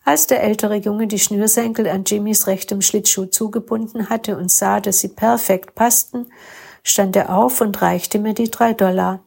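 A woman reading a first-person story aloud with calm, steady narration. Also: mid-range voice, moderate pace, vocal fry, slightly rough. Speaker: story reader.

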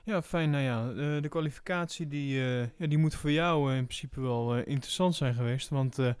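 A man hosting a podcast in casual chat, halting with frequent fillers. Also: mid-range voice, a little mellow, clear, resonant tone. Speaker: podcast host. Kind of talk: casual chat about motor racing.

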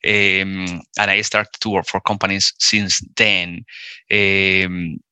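Colombian man with a bright, dry voice. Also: low voice, flat delivery, takes it slowly, clean tone, dry recording. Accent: Colombian Spanish. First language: Spanish. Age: 40s. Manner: hesitant, many fillers and restarts. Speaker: guest. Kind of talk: casual interview conversation.

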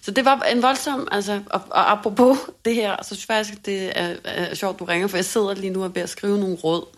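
A woman co-hosting a podcast, telling a story in a lively, self-mocking way and acting out what people said. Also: mid-range voice. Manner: animated, self-mocking storytelling with quoted dialogue. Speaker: podcast co-host. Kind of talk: casual storytelling chat.

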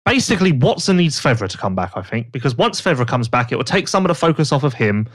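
Man, podcast host, lively swooping delivery, gossipy chat. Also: mid-range voice, fast talker, breathy edge. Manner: gossipy, animated storytelling with put-on quoted voices. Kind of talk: casual chat.

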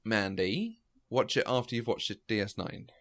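A man's voice: fairly low pitch, moderate pace. A man co-hosting a podcast, chatting casually and telling stories with lots of fillers and restarts. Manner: chatty, animated storytelling with frequent fillers and restarts. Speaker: podcast co-host. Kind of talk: casual chat.

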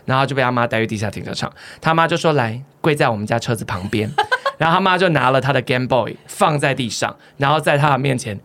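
A woman co-hosting a chat podcast, telling stories in an animated way with frequent laughs. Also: rumbling low, quick pace. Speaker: podcast co-host. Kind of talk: casual chat, storytelling.

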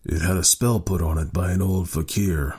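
Storybook sergeant major, middle-aged, male narrator performing: very low, slow, gruff, solemn and haunted. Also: fairly even intonation, darkish tone. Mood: grave, haunted. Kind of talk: storybook character reading.

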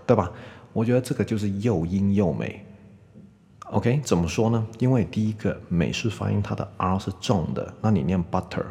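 A man teaches English pronunciation in an easygoing, rambling way, peppering his talk with fillers and OKs. His voice sits low with a gravelly fry. A long reverb trails behind his words. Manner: relaxed, chatty, with many fillers and repeated OKs. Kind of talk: casual spoken lesson.

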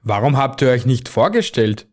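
A man's voice: medium pitch, sing-song, moderate pace, darkish tone, natural voice. Man playing a kind, encouraging archangel. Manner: friendly and encouraging. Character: kind, caring male archangel.

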